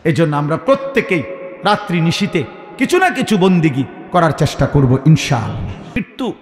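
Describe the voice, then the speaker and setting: A Bangladeshi man delivers a fervent waz sermon, his high voice leaping and dipping as he swells loudly and then falls to near-whispers. The sound rings with long echo, as in a large hall. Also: big pitch swings, normal speed. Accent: Bangladeshi Bengali. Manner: dramatic chanting delivery with sudden loud swells and hushed drops. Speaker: preacher. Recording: echoey hall.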